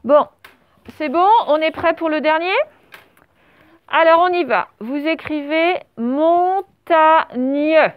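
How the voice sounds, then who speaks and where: A woman teaching a primary school class, correcting a dictation and spelling words out letter by letter with patient pauses. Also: high voice, no room sound. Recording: dull lo-fi sound.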